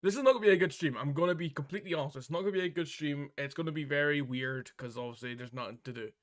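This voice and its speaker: Talking rapid-fire in a fairly high-pitched voice, a man plays a game on a livestream and chats casually with viewers.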